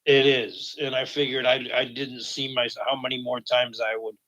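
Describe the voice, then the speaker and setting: A man hosting a sports radio show, measured and brief as he leads through the football games. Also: mid-range voice, flat delivery, pushed and bright, dull audio.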